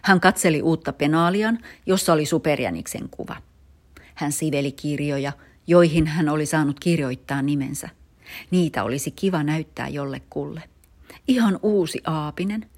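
A woman with a low, slightly husky voice reads a children's story aloud. Her delivery is expressive and her pitch moves a lot. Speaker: narrator.

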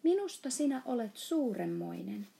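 A woman's voice: a little high, sing-song, gravelly, warm tone, pitched above the performer's own voice, exaggerated voice. A woman voicing a curious, earnest little girl in a storybook reading. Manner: questioning, earnest.

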